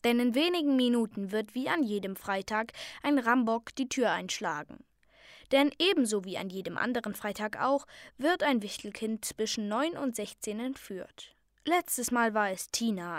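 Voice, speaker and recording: Soft-spoken woman reading a fantasy story. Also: medium pitch, expressive, normal speed, no room sound, clean studio sound.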